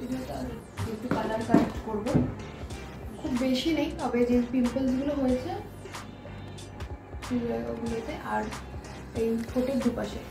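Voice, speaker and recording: A woman's voice: on the high side, fairly even intonation, normal speed, vocal fry, pauses often. A young woman, chatting casually in a vlog as she gets ready and does her makeup, sounding tired. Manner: chatty, talks while doing her makeup. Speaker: vlogger. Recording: music playing underneath.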